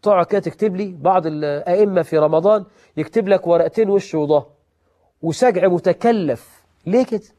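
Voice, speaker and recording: A man preaching in Egyptian Arabic, swinging between loud emphatic lines and soft asides, and slowing down to recite scripture. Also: high-pitched. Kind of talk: sermon on prayer etiquette.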